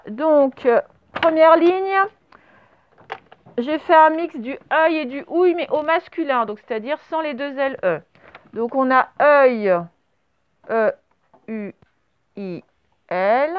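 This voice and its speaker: A woman's voice: high-pitched, no echo, muffled recording. A woman teacher giving a spelling dictation lesson to children on camera, patiently spelling words out letter by letter. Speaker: primary school teacher.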